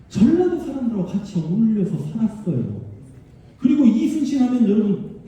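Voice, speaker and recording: A man from the Honam region of Korea giving a public history lecture, animated and emphatic, talking directly to the audience in a large civic auditorium. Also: high voice. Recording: distant, very echoey hall sound.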